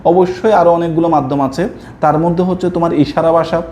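A man's voice: fairly high pitch, steady tone, fast, darkish tone, a little hiss or hum. A young man from Chittagong with a Chittagonian Bengali accent, teaching a coaching lesson from slides and repeating key answers to his students. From Chittagong, Bangladesh. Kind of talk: slide-based exam prep lesson.

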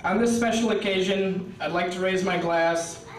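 A young man with a high voice reads his rhyming best-man toast from a page, pausing while guests laugh. He speaks into a stand mic, but the camera catches him from across a roomy reception hall. There is a steady background hiss. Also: far from the mic. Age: young adult. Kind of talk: rhyming wedding toast read from paper. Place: wedding reception hall, indoors. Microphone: stand mic, filmed by a far camera.

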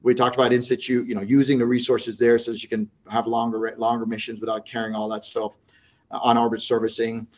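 Man giving a rambling, animated talk. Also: medium pitch, quick pace, muffled recording. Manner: animated, rambling with many restarts and fillers. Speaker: NASA associate director giving a talk. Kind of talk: conference talk.

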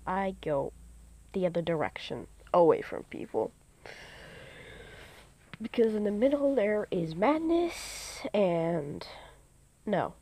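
A woman's voice: medium pitch, warm tone. A teenage girl giving casual let's-play commentary, rambling and giggly with lots of "like" fillers, recorded on a phone mic. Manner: hyper and giggly. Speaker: gaming channel host. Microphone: phone screen recording mic.

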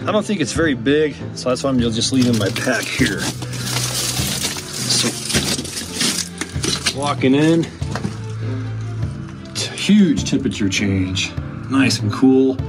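A man's voice: medium pitch, animated, takes it slowly, pauses often, music in the background. Laid-back man vlogging outdoors. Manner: laid-back, chatty, many fillers. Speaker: vlogger exploring mines. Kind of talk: casual vlog narration. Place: outdoors hiking and inside mine tunnels.

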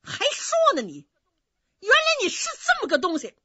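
A woman voicing a clever, sharp-tongued innkeeper's wife who scolds, in a dry, slightly dull recording. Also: high voice, huge pitch swings, dry recording, heavily acted. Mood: scolding. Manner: scolding, quick-witted.

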